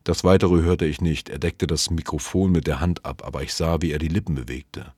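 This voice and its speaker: A man reading a novel aloud in measured, sober, first-person storytelling. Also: very deep voice, fairly even intonation, darkish tone, breathy edge, no echo, studio quality. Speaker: narrator.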